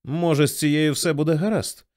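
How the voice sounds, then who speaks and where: A man's voice: a little high, steady tone, normal speed, a little mellow, no echo, studio quality, pitched above the performer's own voice, close to an everyday voice. A man voicing a level-headed male hero in an audiobook, speaking in short questioning remarks. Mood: wary.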